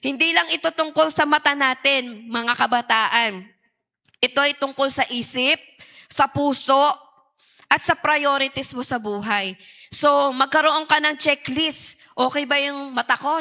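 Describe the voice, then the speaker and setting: High, bright woman preaching. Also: a little slow. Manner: engaging, asks the audience questions. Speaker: youth preacher. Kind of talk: sermon.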